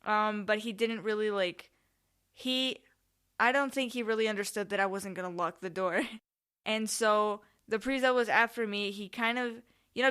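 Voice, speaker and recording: Young woman doing a solo podcast, bright crisp voice, rambly casual storytelling, keeps correcting herself. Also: mid-range voice. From Spain, with family in Mexico. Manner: rambling, self-correcting, informal. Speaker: podcast host.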